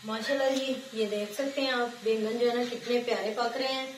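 Brisk and steady-toned, her voice a little high, a woman from Pakistan chats through her home cooking step by step with a Pakistani Urdu accent, often dropping in "jo hai na." The village vlogger sits on a floor mat in a small room at home, recorded in an echoey space with clear background noise.

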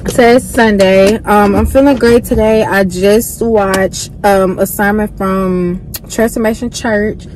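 A woman's voice: mid-range voice, fairly even intonation, slow, hardly any pauses, a little mellow, low-quality recording. A young woman vlogs from a parked car. She talks in a candid, chatty way and sprinkles "like" through her sentences. The camera is mounted near the dashboard, with faint ambient noise around her. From Memphis, USA. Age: young adult. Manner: chatty and candid, with frequent "like" fillers. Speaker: vlogger. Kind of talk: casual vlog chat.

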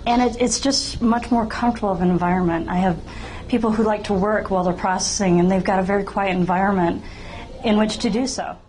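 A woman's voice: mid-range voice, steady tone, a little fast, a little mellow, slight background noise, poor audio. A middle-aged woman, a salon suite owner, talking in a friendly, slightly hesitant way in a small salon. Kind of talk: testimonial interview.

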